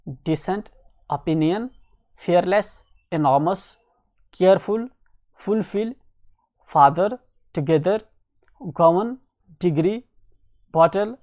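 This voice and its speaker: Man, teacher, classroom lesson, Hindi explanation, letter-by-letter spelling, repeated filler, slow English reading, quick explaining. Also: fairly high pitch. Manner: reads English lines slowly, then explains fast.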